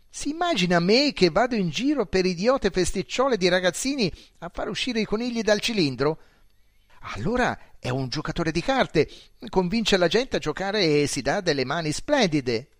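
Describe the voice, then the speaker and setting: A man's voice: high voice, very animated, unhurried, dry recording, studio quality, voice pushed up. A man voicing a sly, boastful little male pickpocket with a smug, gloating way of talking, in an audiobook. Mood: scornful. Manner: smug, gloating, proud of his skill. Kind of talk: audiobook character voice.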